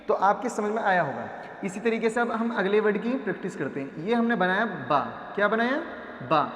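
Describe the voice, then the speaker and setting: A man with a high-pitched voice leads a patient reading lesson, drawing out each letter sound as he demonstrates it. He stops often to check that his students follow. His voice rings through a roomy space with a long echo. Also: expressive, a bit bright. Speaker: teacher. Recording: echoey room with long reverb.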